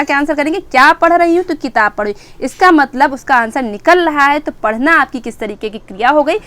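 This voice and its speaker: A woman's voice: high voice, a bit bright. A woman teaching an exam-prep grammar lesson, asking questions and answering them herself and repeating key words.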